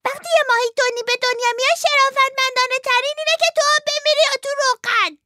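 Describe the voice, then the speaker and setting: A woman doing a shrill, resigned old tuna. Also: fairly even intonation, sharp tone, dry recording, clean studio sound. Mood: wry. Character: resigned, philosophical male tuna fish. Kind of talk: storybook reading.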